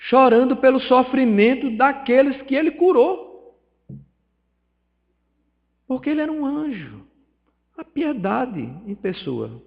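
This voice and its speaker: Speaking slowly in a very high, creaky voice with big pitch swings and long pauses, a Pernambuco-accented man lectures at a spiritist study group. This Northeast Brazilian storyteller acts out dialogue with emotional swells, recorded dull and reverberant in the centre's meeting hall.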